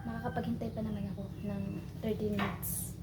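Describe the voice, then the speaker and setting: A woman's voice: medium pitch, little pitch movement, fairly quick. A young woman vlogging about her day at home as a mom, chatting to viewers and cooing to her child in sing-song baby talk. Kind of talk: casual home vlog. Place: indoors at home. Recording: noisy home recording.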